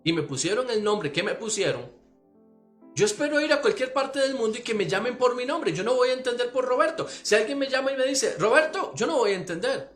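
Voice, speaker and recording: A man's voice: very high-pitched, fairly quick, faint music behind. A man from Costa Rica with a Costa Rican Spanish accent, a pastor giving a teaching sermon and often checking that listeners follow. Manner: animated, asks listeners if they follow.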